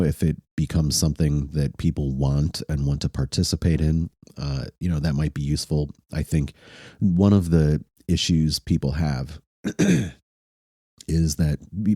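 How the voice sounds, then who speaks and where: A man with an extremely low, husky voice hosts a casual online chat. He sounds sick and stuffy-nosed, and talks in a hesitant, loose way, recorded dry and close. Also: mellow, no echo. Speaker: podcast host.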